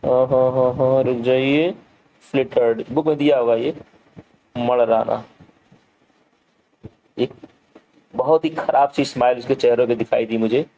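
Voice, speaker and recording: Guy explaining english textbook lines, dark mellow voice. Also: medium pitch, fairly even intonation, poor audio. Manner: reads English lines slowly, then explains them in Hindi. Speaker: school English teacher.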